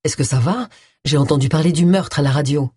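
A reader doing a calm, caring greying man. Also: mid-range voice, fairly quick, husky, no room sound, studio quality, lightly acted. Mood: concerned. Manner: calm, concerned. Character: calm grey-haired man, ex-husband.

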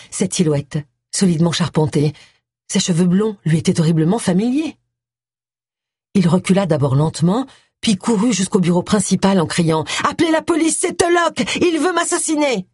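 A woman reading a story aloud as an audiobook narrator, with a steady, even delivery. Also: fairly low pitch, slightly rough, no echo. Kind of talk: scripted narration. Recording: dry close studio sound.

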